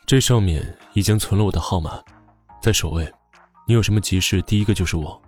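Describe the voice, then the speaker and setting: A woman voicing a deep, composed young tycoon. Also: faint music behind. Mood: calm tender. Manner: low, unhurried, quietly soothing delivery. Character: calm, wealthy young male tycoon, tender and composed. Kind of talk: audiobook character voice.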